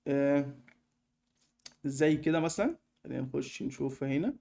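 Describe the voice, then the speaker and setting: A young man with an Egyptian Arabic accent walking through a screen-recorded software tutorial in a fast, chatty way, with many fillers. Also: mid-range voice, gravelly. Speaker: online course tutor.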